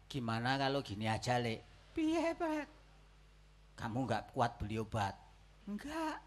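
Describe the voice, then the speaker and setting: A man doing a low-voiced, drawling drunkard. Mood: sly. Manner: low, drawling mock-solemn talk. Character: drunken man philosophizing, sly and preachy. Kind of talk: stage comedy theatre acting.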